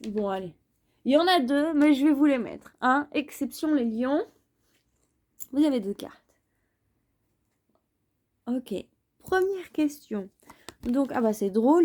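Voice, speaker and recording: A woman with a fairly high voice talks through a tarot reading at a slow, unhurried pace. Her tone is mellow and soft, and she is chatty, often repeating her phrases and adding playful asides. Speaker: tarot reader. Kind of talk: casual tarot reading monologue.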